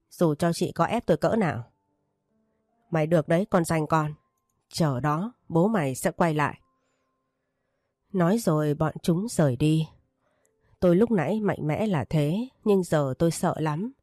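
A woman reading a first-person romance story aloud, voicing the dialogue in her own steady narrating voice. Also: lowish voice, no echo, studio quality.

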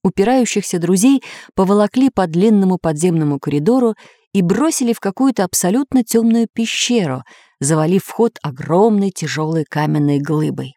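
A woman reading a children's story aloud with an expressive storytelling lilt. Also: fairly low pitch, normal speed, no echo, studio quality.

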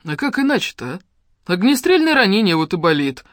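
A reader voicing a rude, scolding old village woman who shouts coarse, bossy lines at a young woman. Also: medium pitch, sing-song, brisk, no echo, studio quality, voice pushed up, close to an everyday voice.

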